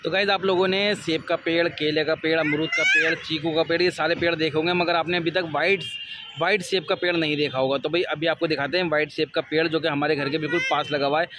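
A man's voice: on the high side, steady tone, fast talker, noisy background. A man, chatting and joking to camera in a casual family vlog at home. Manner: chatty, joking, addresses viewers as "guys". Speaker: family vlogger. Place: home and rooftop.

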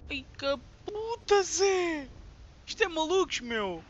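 A man with a European Portuguese accent commentates his gameplay in a very high, bouncy voice that leaps all over the place. He reacts with frantic exclamations and a steady stream of swearing. Game sounds come through clearly behind him. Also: slow, dull audio, slight background noise. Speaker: gaming channel host.

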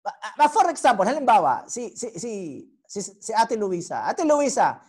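A woman preaching a sermon. She is animated and teasing, and keeps quizzing the congregation. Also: fairly high pitch, moderate pace, breathy edge. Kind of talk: sermon teaching.

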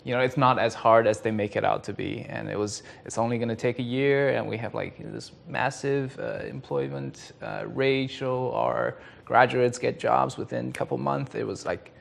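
A young man from China giving a relaxed student testimonial, telling his story with fillers. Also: medium pitch, normal speed, gravelly, hardly any pauses. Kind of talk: casual testimonial. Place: indoor studio.

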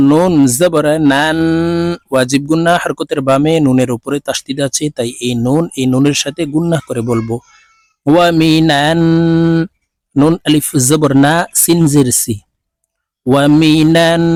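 A man with a Bangladeshi accent teaching Quran reading, spelling each word letter by letter and then chanting it slowly and drawn out. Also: a little high, darkish tone, no echo. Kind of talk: spelling out and slowly reciting Quranic words in a lesson.

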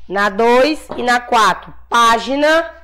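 A Brazilian woman teaching a class of young children, sounding out syllables slowly and patiently, calling herself auntie and praising often. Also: fairly high pitch, animated, bright, forceful tone, a little hiss or hum. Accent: Brazilian Portuguese. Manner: calls herself "tia", encouraging praise. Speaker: primary school teacher. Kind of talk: slow dictation-style class for young children.

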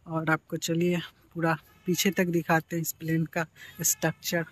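A man's voice: fairly high pitch, completely flat delivery, moderate pace, fairly bright tone, no room sound, poor audio. A young man from Bihar in his twenties, chatting enthusiastically as he gives viewers a walking tour outdoors, filming himself on a phone held at arm's length. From Bihar, India. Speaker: vlogger. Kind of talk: casual walking vlog. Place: outdoors in an open field at sunset.

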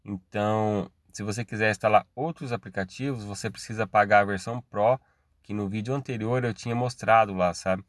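His fairly low voice, fairly even intonation and fairly quick pace come through a dry, clean studio recording. He's a Brazilian tech channel host with a Brazilian Portuguese accent, casually walking through a screen-recorded tutorial step by step and often checking in with tag questions.

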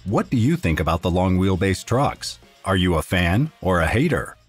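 A man reading a scripted voice-over narration in a steady, informative explainer manner. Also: deep voice, normal speed, husky, faint music behind.

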